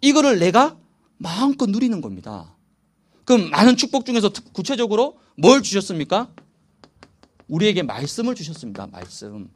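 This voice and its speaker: A middle-aged male pastor leading a church new-member training session, asking the audience questions and answering them himself. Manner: lively, animated rises and drops in pitch.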